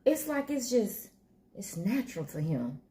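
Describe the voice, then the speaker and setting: A woman's voice: medium pitch, sing-song, unhurried, mellow, slight background noise. A woman chatting casually in an effusive, emphatic way. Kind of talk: casual, conversational interjections.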